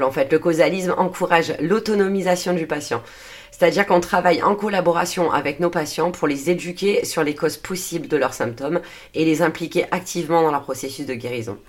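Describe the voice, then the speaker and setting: A woman hosting a solo podcast, explaining her subject earnestly, with frequent hesitations and self-corrections and a dry throat. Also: sits low. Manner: earnest, steady delivery with frequent "euh" fillers and self-corrections. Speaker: podcast host and naturopathy coach.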